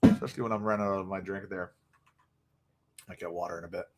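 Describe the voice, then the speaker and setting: A man's voice: low voice, fairly even intonation, fast talker, noisy background. A young man hosting a casual hockey livestream, chatty and rambling with lots of fillers, tired and yawning from little sleep. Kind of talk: casual live stream chat.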